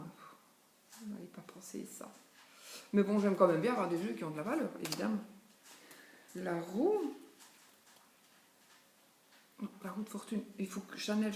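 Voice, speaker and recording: A woman's voice: mid-range voice, darkish tone. A woman presenting a tarot deck in casual chat, thinking aloud with many small asides. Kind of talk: casual chat while showing cards. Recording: echoey room with faint noise.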